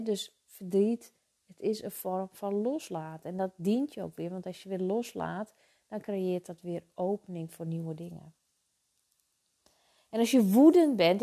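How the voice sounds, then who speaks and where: A woman in her thirties, in a reflective, casual talk about feelings, speaking gently and soothingly, often adding little tag words and restarting her sentences. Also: fairly high pitch, breathy edge. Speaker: emotional wellbeing speaker.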